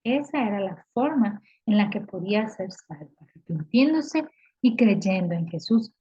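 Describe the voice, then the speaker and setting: A woman with a Mexican accent, a Sunday school teacher telling a Bible story to young children, expressive and asking them questions. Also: medium pitch, measured pace, slightly rough, dull audio.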